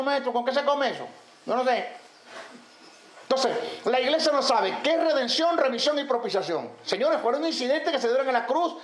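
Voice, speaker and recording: A man teaching theology as a Bible teacher, firing rhetorical questions and listing terms emphatically. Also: extremely high pitch. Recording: echoey room, faint background noise.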